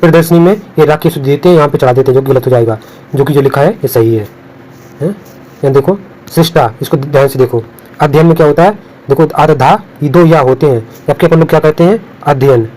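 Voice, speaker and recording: A man's voice: fairly high pitch, fairly quick, darkish tone, rough recording. A man teaching Hindi spelling for exams, repeating each word and warning what will be marked wrong. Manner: repetitive, drills words and warns of exam traps. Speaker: Hindi exam tutor. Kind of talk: spelling lesson over on-screen notes.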